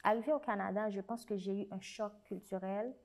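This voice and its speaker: A young woman with a Haitian French accent is a guest in a conversational interview; she's a writer and special educator. She speaks earnestly and reflectively, often restarting her sentences, in a mid-range, darkish voice at a slightly fast pace.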